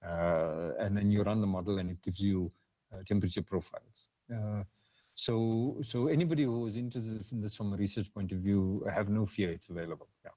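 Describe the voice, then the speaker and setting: A man with a South African English accent lecturing over a video call, his voice mellow and dark. He speaks haltingly, with fillers and repeated words as he works through technical answers. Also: on the low side. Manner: hesitant, with frequent fillers and restarts. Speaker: guest speaker. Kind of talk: webinar lecture and Q&A.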